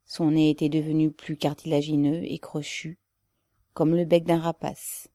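A woman narrating an audiobook in a measured, even way. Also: low voice, no room sound, clean studio sound.

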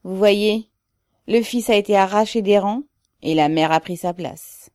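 A man's voice: fairly high pitch, takes it slowly, warm tone, dry recording, clean studio sound. A fiery bitter peasant man, as a woman reader puts him on. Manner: fiery, rousing.

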